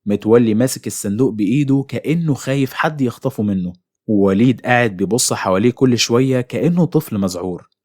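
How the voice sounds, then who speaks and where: A man with an Egyptian Arabic accent tells a horror story at a brisk clip. His voice sits at a middle pitch, and his delivery stays suspenseful. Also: a little mellow. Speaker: narrator.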